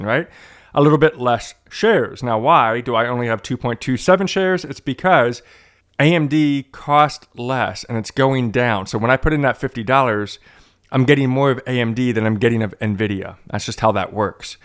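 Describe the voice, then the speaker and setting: A man's voice: mid-range voice, a bit bright. A man walking viewers through his investment portfolio in a chatty, wry, self-mocking way, as host of a personal finance channel. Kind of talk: casual screen-share walkthrough.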